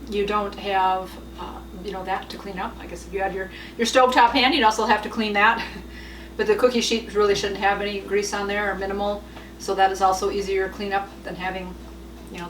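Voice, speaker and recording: A woman's voice: mid-range voice, background noise. A middle-aged woman walks through a home cooking demonstration in a chatty, rambling way, with fillers and small laughs. She is recorded by a camera mic set some distance off. Her kitchen sounds roomy and echoey. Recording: roomy kitchen, voice a bit far off.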